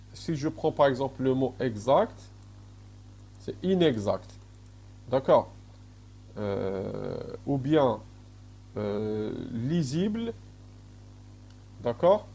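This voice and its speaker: Slow, mellow-voiced male lecturer. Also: mid-range voice, gravelly. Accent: Algerian French. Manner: slow, checks in often with "d'accord?", many hesitations. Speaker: university lecturer. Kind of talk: recorded lecture.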